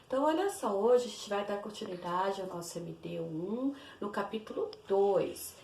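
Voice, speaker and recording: A woman's voice: mid-range voice, animated, moderate pace, darkish tone, a little hiss or hum. A woman with a Brazilian Portuguese accent teaching an online class to young children, explaining in an affectionate, sing-song way. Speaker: primary school teacher. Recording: echoey room.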